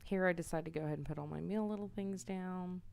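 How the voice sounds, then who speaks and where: A woman's voice: lowish voice, quick pace, gravelly, darkish tone. A young woman narrating her planner decorating in a casual, apologetic voiceover. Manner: apologetic, self-deprecating, chatty. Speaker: planner vlogger. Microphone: voiceover mic.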